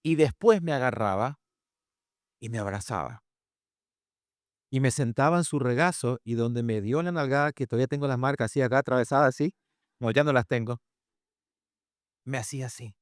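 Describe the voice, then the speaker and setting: A man's voice: mid-range voice, moderate pace, pauses often, no room sound, studio quality. A man preaching a sermon about parenting, telling stories and acting out quotes with a lot of animation. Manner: animated storytelling, acts out quotes. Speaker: pastor and family speaker.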